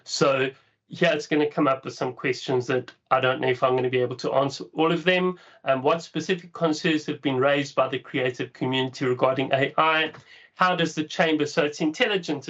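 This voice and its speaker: A man's voice: medium pitch, steady tone, brisk, a bit bright. A man with a South African accent giving a casual, explanatory webinar presentation over a video call. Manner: casual, explanatory, with frequent ums. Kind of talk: webinar presentation with screen share. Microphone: video call mic. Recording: dull lo-fi video call audio.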